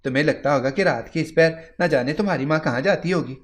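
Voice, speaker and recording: A man's voice: fairly high pitch, lightly acted. A man voicing a secretive middle-aged mother in a story, who swings between scolding and soothing. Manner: anxious and scolding.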